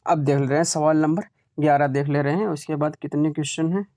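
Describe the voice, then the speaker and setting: A man's voice: a little high, steady tone, fast, mellow. A male teacher leading an exam-prep lesson, repeating words aloud to drill pronunciation and asking questions he then answers himself.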